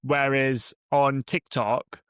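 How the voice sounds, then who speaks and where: A man's voice: mid-range voice, fairly even intonation, takes it slowly, a bit bright, clear, resonant tone, no echo, studio quality. A man in casual conversation as a guest, informal and agreeable, thinking aloud as he goes. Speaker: podcast guest and content creator.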